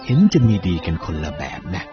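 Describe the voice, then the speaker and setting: A man voicing a calm, wise spiritual teacher in a dramatised story, with a measured, didactic manner. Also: close to an everyday voice. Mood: calm, questioning. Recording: dull lo-fi audio with clear music behind.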